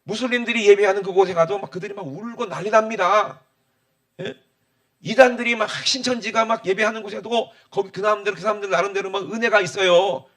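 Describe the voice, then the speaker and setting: A man's voice: high-pitched, fairly even intonation, a little fast, a bit bright. A middle-aged man, preaching a sermon as pastor and often calling the congregation for an amen.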